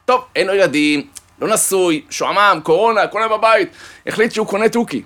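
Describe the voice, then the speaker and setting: A man giving a sermon, an animated storyteller who fills it with jokes and speaks fondly to his listeners. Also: high-pitched. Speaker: preacher. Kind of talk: sermon with joke-telling.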